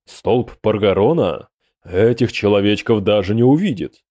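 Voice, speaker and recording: A man's voice: lowish voice, lively intonation, normal speed, mellow, no room sound, clean studio sound. A man doing a lazy, mocking ancient demon.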